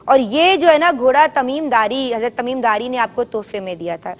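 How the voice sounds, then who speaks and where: A woman with a high, bright-pitched voice leads a group of children in call-and-response, asking questions and coaxing them to answer louder. Her voice carries a long reverb from a studio hall. She tells her stories in a gentle, coaxing tone. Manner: quizzes children and has them repeat answers loudly. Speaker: children's show host.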